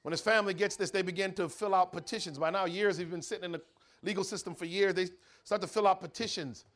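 Brief: male preacher, high voice, dramatic sermon storytelling. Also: steady tone, fast talker, fairly bright tone.

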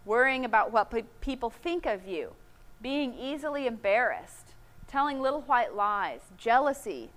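Middle-aged woman, sermon, earnest teaching, slightly high voice. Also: lively intonation, a bit bright. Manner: earnest, quotes scripture, acts out quick asides. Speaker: Bible teacher. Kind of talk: sermon talk.

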